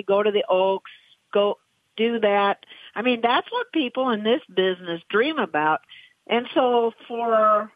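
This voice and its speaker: A woman racehorse trainer in a phone interview, talking in an emotional, rambling way. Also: no echo. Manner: emotional, rambling, voice jumps high when excited. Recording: tinny dry phone line.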